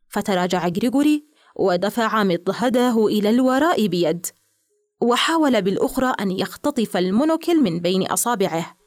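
A woman narrates a novel in an even, measured reading. Her voice sits in a middle pitch. The recording is close and dry. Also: no room sound. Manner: measured, storytelling. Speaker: audiobook narrator. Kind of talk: scripted literary narration.

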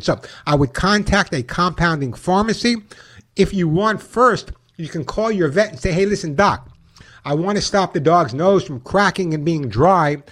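A man with a somewhat high-pitched voice works as a talk radio host. He speaks conversationally, moving between advice for callers and sponsor reads in the manner of a practiced broadcaster. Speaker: radio pet show host and caller adviser.

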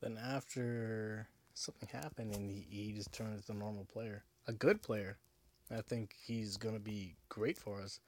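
Man, drunk, fairly low pitch, rambling, repetitive, profane, casual solo sports podcast host. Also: steady tone, moderate pace.

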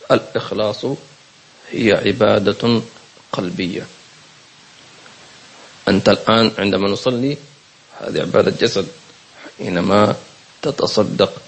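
A man's voice: on the low side, creaky. A man teaching a religious lesson, asking questions, repeating key words and checking that listeners follow. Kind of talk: lesson commentary on a religious book.

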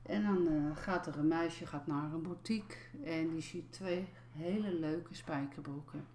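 A woman coach giving a calm, explanatory talk, often repeating herself as she thinks aloud. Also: low-pitched, unhurried, slight background noise. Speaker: life coach. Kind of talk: reflective spoken talk.

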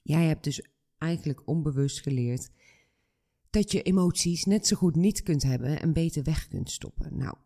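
A calm man hosting a reflective podcast, talking straight to the listener at an unhurried pace. His voice is mellow and dark, with a gravelly rasp running under his words. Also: fairly high pitch. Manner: calm, slow and addressing the listener directly. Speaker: podcast host and coach.

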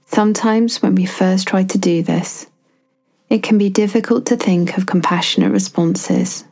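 A woman guiding a self-compassion meditation, speaking softly and soothingly with long pauses between phrases. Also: medium pitch, faint music behind. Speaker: meditation guide.

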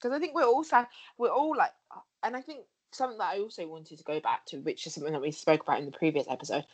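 A woman's voice: lowish voice, fast talker, husky. A young woman with a Cockney accent, co-hosting a casual podcast discussion, earnest and full of fillers and restarts. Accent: London Cockney. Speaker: podcast co-host.

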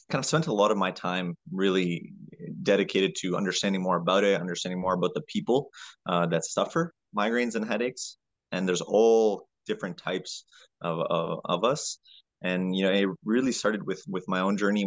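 A man who works as a health coach answers questions as a podcast guest, speaking haltingly and conversationally and often repeating words. His voice is deep, with no echo.

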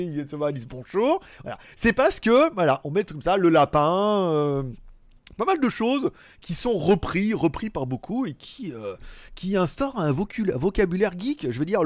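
A man's voice: high voice, no room sound. A man hosting a live stream, casually chatting and reading out viewer comments, joking and chuckling often in rambling asides.

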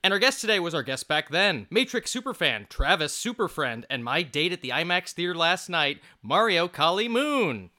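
A man hosting a movie podcast, talking fast and excitedly, laughing often in casual chat. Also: on the high side. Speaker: podcast host.

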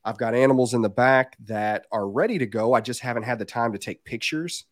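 A man's voice: medium pitch, a little fast, no echo, clean studio sound. A man with a southern Indiana accent near the Kentucky border, chatting casually and candidly as a podcast guest. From southern Indiana, United States. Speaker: podcast guest, reptile business owner.

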